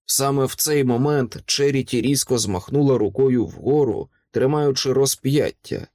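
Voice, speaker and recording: A man narrating an action-filled audiobook in the first person, vivid and dramatic. His voice sits at a middle pitch, recorded close and dry with no room sound. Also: unhurried, a little mellow, no echo.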